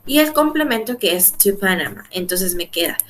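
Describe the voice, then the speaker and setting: A woman's voice: medium pitch, lively intonation, moderate pace, fairly bright tone. A woman teaching an English grammar class in Spanish, explaining step by step and often checking in with her students. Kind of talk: online class lecture.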